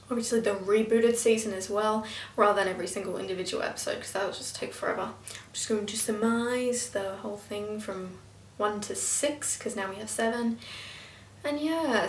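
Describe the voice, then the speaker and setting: An excitable young woman rambles through a casual fan review, full of fillers and side comments. Her voice sits a bit back from the mic, and the room around her rings with a noticeable echo. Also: mid-range voice, distant mic, slight background noise. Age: young, still in school. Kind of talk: casual chatty review vlog. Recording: roomy echo, voice a little off-mic.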